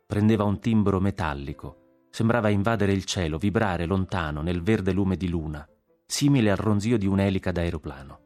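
A man narrating a literary story in a measured, expressive reading. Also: low-pitched, faint music behind.

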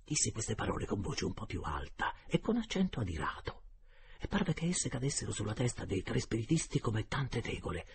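A man narrating a story aloud with dramatic, animated delivery that slips into whispers. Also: lowish voice, fairly quick, a little hiss or hum. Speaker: audiobook narrator. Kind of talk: storybook reading with voices.

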